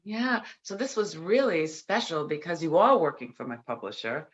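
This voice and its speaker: Host: woman author, lower voice, effusive and enthusiastic; muffled lo-fi recording. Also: lively intonation, moderate pace. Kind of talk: interview conversation. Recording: dull lo-fi audio.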